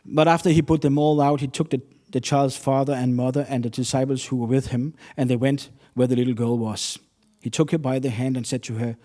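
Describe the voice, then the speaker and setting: A man's voice: medium pitch, dark tone. Earnest man preaching a sermon. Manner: earnest, storytelling with non-native English phrasing.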